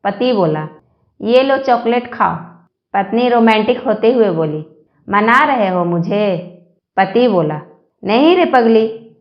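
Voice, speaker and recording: A woman reading a series of short jokes aloud, telling them slowly and evenly with the quoted lines. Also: on the high side, reverberant, muffled recording. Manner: slow, even joke telling with quoted lines. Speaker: joke narrator.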